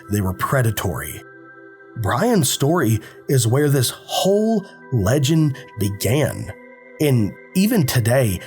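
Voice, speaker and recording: A man with a sick voice, hosting a paranormal channel and narrating eerie stories in a dramatic, hushed way. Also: medium pitch. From Appalachian foothills, US. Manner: dramatic, hushed storytelling with casual asides. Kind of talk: spooky storytelling narration.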